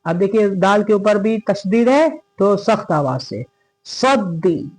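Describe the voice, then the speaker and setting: High-voiced male Quran teacher, slow. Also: lively intonation, a little mellow, rough recording. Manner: explains quickly in Hindi, recites verses slowly and drawn out; stresses doubled letters, repeats and corrects words. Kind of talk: tajweed lesson with slow recitation.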